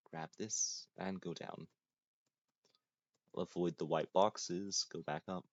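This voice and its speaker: A young man with a very deep voice talks through a game in a dry, self-mocking way, half muttering to himself. The sound is dull and lo-fi, close and dead dry with no room around it. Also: fairly even intonation, slow, long pauses, dry recording. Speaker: gaming YouTuber. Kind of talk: casual gameplay commentary.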